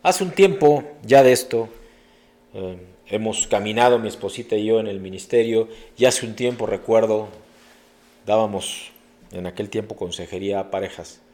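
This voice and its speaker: Earnest low-voiced male pastor preaching. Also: normal speed, darkish tone. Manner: earnest, preacherly, with sudden emphatic rises. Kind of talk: sermon.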